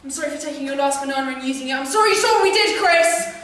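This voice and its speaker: A woman's voice: sits high, monotone, very fast, a little hiss or hum, close to an everyday voice. An actress playing a defiant young woman housemate on a live stage, recorded from far off in an echoey theatre. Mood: mock-sorry.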